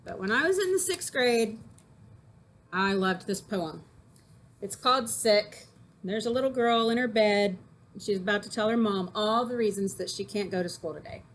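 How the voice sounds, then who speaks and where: A woman with a mid-range voice speaks at a normal speed. She's a teacher reading to pupils, chatting casually with children about poems and posing questions to them as she goes.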